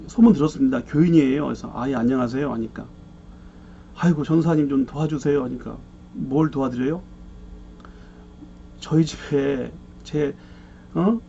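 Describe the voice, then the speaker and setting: Gravelly, animated male preacher telling a story. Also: medium pitch. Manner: animated storyteller, acts out quoted voices with shouting. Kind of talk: sermon with storytelling. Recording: muffled lo-fi recording with faint hum.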